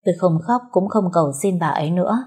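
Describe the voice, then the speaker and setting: A young woman tells a first-person story in slow, sorrowful narration. Her voice sits low and carries a husky, breathy texture. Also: a little mellow.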